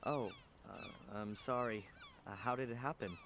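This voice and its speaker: A man's voice: medium pitch, moderate pace, a bit bright, a little hiss or hum, close to an everyday voice. A man playing a hesitant young student hero. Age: young adult. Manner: hesitant, full of uhs. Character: polite young male student protagonist. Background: game music.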